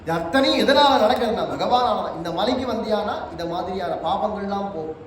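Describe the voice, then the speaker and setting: A man giving a devotional religious discourse, telling stories and chanting verses in a drawn-out sing-song. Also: high-pitched. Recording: echoey hall, distant mic, faint noise.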